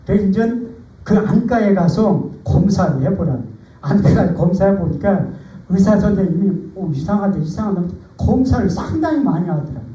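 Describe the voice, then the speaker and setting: A middle-aged man preaches in a church, sharing a personal testimony in an animated, storytelling way. His voice is mellow and swings widely in pitch. The sound is roomy and a bit distant, as if captured from back in an echoey church hall. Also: moderate pace. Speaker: pastor. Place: church sanctuary.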